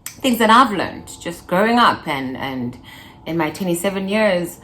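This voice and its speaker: A woman's voice: lowish voice, expressive, unhurried, fairly bright tone, a little hiss or hum. Chatty young woman vlogging to camera. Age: 20s. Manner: chatty, playful, laughs and sings snippets. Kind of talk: casual chat to camera.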